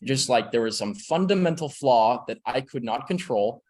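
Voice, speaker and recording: A man's voice: mid-range voice, expressive, normal speed, a little mellow. A young man in his early twenties, an actor on a panel, speaking candidly and reflectively with lots of "like" fillers. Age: 20s. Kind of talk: personal sharing on a panel.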